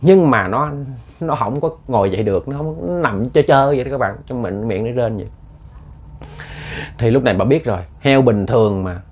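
A man's voice: mid-range voice, expressive, fairly quick, darkish tone, lo-fi sound, a little hiss or hum. A man telling a ghost story in a folksy, repetitive way, often addressing his listeners.

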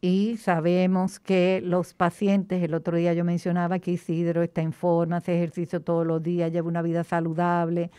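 A woman's voice: fairly low pitch, completely flat delivery, normal speed, few pauses, warm tone, clean tone, no echo, studio quality. A woman speaking through a face mask, explaining health topics in casual chat, often hesitating and bringing in religious references. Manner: plain explanations with frequent hesitations and restarts.

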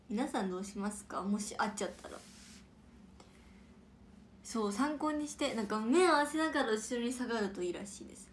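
A young woman chatting on a casual livestream and reading viewer comments aloud. Her somewhat high voice stays playful and rambling, and she often drops into soft whispered asides. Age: young adult.

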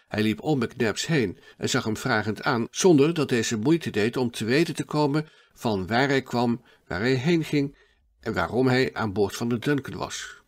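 A male narrator reads a classic adventure story aloud in a steady, measured way. His voice sits in an ordinary middle pitch for a man. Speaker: audiobook narrator. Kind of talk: scripted audiobook narration.

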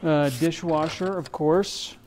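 A man's voice: fairly high pitch, fairly even intonation, takes it slowly, noisy background. Playful young man touring a kitchen. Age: young adult. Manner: playful, jokey, says "dude" often. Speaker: English teacher vlogger. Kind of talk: casual house-tour vlog. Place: kitchen of a large house, indoors. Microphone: handheld camera, selfie framing.

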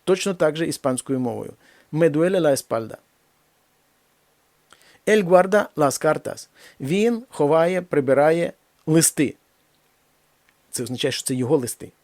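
Man teaching a language lesson, fairly high gravelly voice, slow careful examples, dry close sound. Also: a little mellow, no room sound. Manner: slow, deliberate reading of examples, then explains. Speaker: Spanish teacher.

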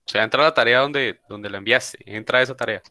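A man's voice: mid-range voice, quick pace, very noisy. A man teaching an online English class, speaking informally and insistently and repeating his points. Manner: informal, calls students "papá", insistent repeating. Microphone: video call.

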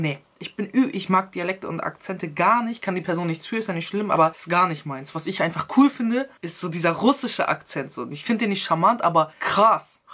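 A woman's voice: fairly low pitch, fairly bright tone. A woman answering a question series in a casual vlog chat, slangy and talking straight to her viewers. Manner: chatty and slangy, addresses viewers directly.

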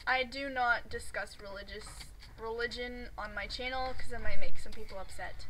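A woman chatting loudly and dramatically while playing a game with friends, laughing and protesting. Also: on the high side, fairly even intonation, moderate pace, a crowd in the background. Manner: loud, giggly, dramatic protests. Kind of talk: casual gameplay chat. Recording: noisy game-chat audio.

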